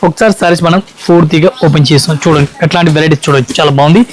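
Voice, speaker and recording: A man's voice: on the high side, fairly even intonation, rapid-fire, a little hiss or hum, rough recording. A man showing sarees in a shop, with a repetitive sales patter. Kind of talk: product showcase pitch.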